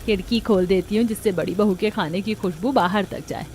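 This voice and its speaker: A woman's voice: medium pitch, fairly quick, darkish tone, slight background noise, close to an everyday voice. A woman playing a scheming mother-in-law. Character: middle-aged mother-in-law, sharp-tongued.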